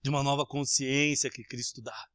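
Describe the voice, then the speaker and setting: A Brazilian man preaching a sermon as pastor, animated, acting out little everyday scenes with changing voices. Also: medium pitch, moderate pace, smooth, no echo, studio quality. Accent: Brazilian Portuguese.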